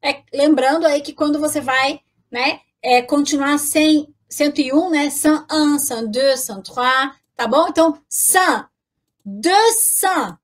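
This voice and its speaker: High-voiced, unhurried woman teaching French. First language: Portuguese. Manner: cheerful, checks in often with "tá bom, gente?"; slow, drawn-out modeling of numbers. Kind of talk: online language lesson.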